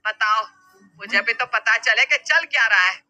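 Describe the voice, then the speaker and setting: Brief: woman voicing a bossy cartoon mother-in-law, loud, bright, cutting. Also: a little high, normal speed, low-quality recording. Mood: stern. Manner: loud, sharp, scolding. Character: stern scolding middle-aged mother-in-law.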